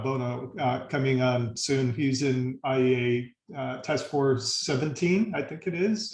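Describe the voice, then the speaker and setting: A man hosting a casual online panel discussion, easygoing, with lots of uh fillers as he wraps up. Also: medium pitch. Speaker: host. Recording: roomy video call audio.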